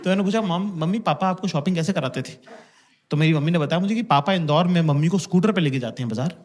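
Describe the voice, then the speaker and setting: A man's voice: a little high, fast. A man in his thirties performing a stand-up comedy set, telling stories about his parents and acting out their voices. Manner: storytelling, acts out parents' voices. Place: stage before a laughing audience. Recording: live stage mic, loud crowd and noise.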